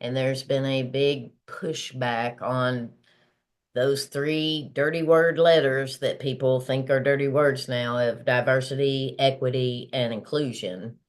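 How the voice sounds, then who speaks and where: Woman in her 50s hosting a pep-talk show, laughs a lot, slow easy pace. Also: a bass voice. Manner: laughs often, earnest and encouraging. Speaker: podcast host. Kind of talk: casual motivational talk.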